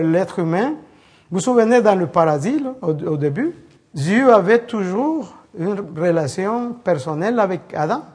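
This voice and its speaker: A man from El Salvador gives an informal sermon to a small congregation, telling stories in a halting way as he keeps restarting and searching for words. His voice is high-pitched, a little mellow and slightly rough.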